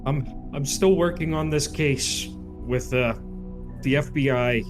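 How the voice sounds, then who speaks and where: A man's voice: medium pitch, takes it slowly, pitched above the performer's own voice, natural voice. A man voicing a startled male doctor, his own tabletop game character, talking in a flustered, stammering way. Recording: music bed underneath.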